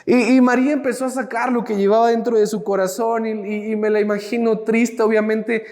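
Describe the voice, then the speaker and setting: A man's voice: sits high, flat delivery, a little fast, darkish tone, big-room sound. A man giving a reflective devotional talk, speaking straight to the listener with questions. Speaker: preacher.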